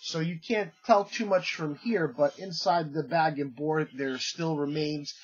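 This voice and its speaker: Congested and clearly unwell, this male collector chats through a show-and-tell of comics he bought, wandering off track with many fillers and false starts. His voice is a little high and slightly rough, moving at a measured pace, and the recording loses its highs.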